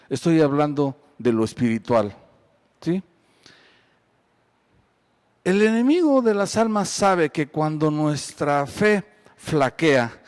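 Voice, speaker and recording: Male pastor, fairly high voice, live church sermon, forceful readings, quiet questions. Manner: reads scripture aloud with rising force, then asks questions softly. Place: church service, streamed live.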